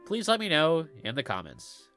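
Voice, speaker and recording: A man's voice: on the high side, huge pitch swings, normal speed, sharp tone, soft background music. A man with a cold giving scripted video game commentary in a stuffy, nasal voice, as if pinching his nose.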